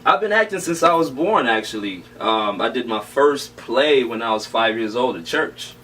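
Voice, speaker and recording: A man's voice: mid-range voice, expressive, moderate pace, a bit bright, recorded from a distance, a little hiss or hum, poor audio. A man from Malawi, an actor, talking about himself in a casual interview in an outgoing, easygoing way. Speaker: guest actor.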